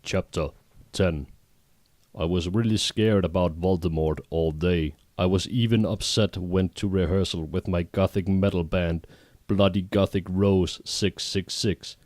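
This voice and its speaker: Brief: low-voiced man, deadpan reading of bad fanfiction, dry close mic. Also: measured pace, dry recording. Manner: deadpan, reads errors as written. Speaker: reader.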